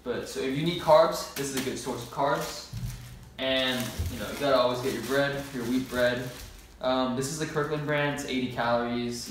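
This fitness vlogger, a young man in his early twenties, chats in a laid-back, slangy way for a casual grocery haul vlog. His average-pitched voice is captured by a camera a few metres away in a bare-walled indoor room that's very echoey, with faint background noise.

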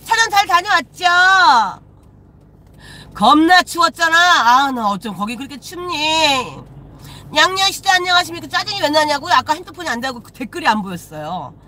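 A woman's voice: high voice, lively intonation, fairly quick, bright, forceful tone. A woman shaman hosting a casual live stream, chatting with viewers, greeting them and swearing casually. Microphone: phone.

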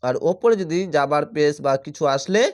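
A man teaching Quran reading who spells each word out slowly, syllable by syllable, then chants the whole word, and explains the rules patiently. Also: a little high, animated. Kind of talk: spelling-out Quran recitation lesson.

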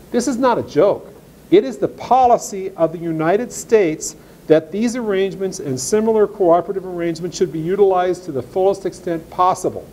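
Reading law aloud and commenting on each passage, a seminar speaker addresses ranchers in a folksy, blunt, sarcastic manner at a farm meeting. He has a high, mellow male voice, and a little hiss or hum sits under the recording.

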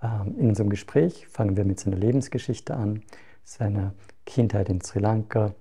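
A middle-aged man hosting a podcast interview, speaking in a relaxed, low-key way as he introduces his guest. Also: moderate pace, gravelly, slightly rough. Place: temple hall with a Buddha shrine.

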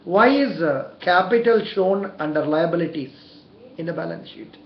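This older Indian-accented career coach runs a practice phone interview with animated energy and normal speed, regularly offering brief words of approval. His pitch is a bit high. Recorded in a small room, the sound comes across dull and echoey.

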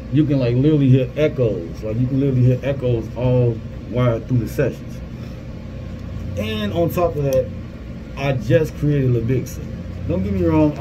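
A man in his thirties chats informally through a cloth face mask, as a gamer updating his followers. His pitch is mid-range and he often repeats himself. He is recorded on a phone in a small booth, with clear ambient and vehicle noise. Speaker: gaming content creator. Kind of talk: casual vlog update. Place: small security guard booth.

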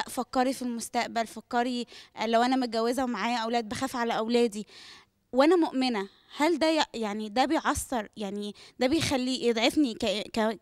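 A woman with an Egyptian accent asks a question as a church servant. She talks quickly and halts to restart her sentences. Her voice sits a little high and sounds dry. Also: no room sound. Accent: Egyptian Arabic. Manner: hesitant, halting restarts.

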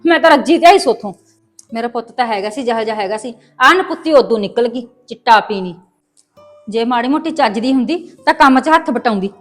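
Actress as a high-voiced, nagging Punjabi mother-in-law, scornful, faint music behind. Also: lively intonation, brisk. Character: scolding older Punjabi village mother-in-law. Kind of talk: short-film drama acting.

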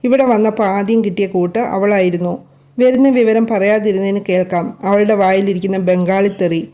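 A woman's voice: mid-range voice, fairly even intonation, fairly quick, dark tone, lightly acted. A woman voicing a cheerful young woman chatting eagerly about her friend.

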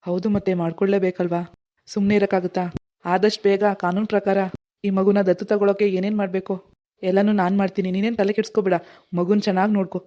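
Cartoon husband, woman's voice: calm and agreeable, mellow tone, brisk delivery. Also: mid-range voice, lightly acted. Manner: easygoing, reassuring. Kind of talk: animated cartoon voice acting.

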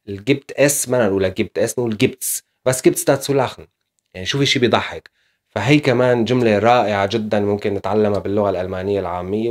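Brief: male language teacher, low voice, talks very fast, chatty step-by-step explainer. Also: a little mellow. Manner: explains step by step with frequent fillers. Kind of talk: casual video lesson.

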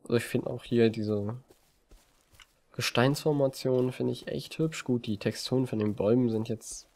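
A man giving relaxed, rambling commentary over a video game from his desk, with frequent hesitations. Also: medium pitch, moderate pace. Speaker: let's play gamer. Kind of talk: casual gameplay commentary. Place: home desk. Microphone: desk mic on a stand.

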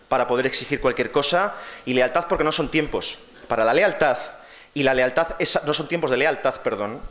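A young man, the outgoing secretary general, giving an impassioned farewell speech at a party congress. He speaks into a lectern microphone and builds to loud, emphatic cries. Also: on the high side. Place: congress hall, speaking to an audience.

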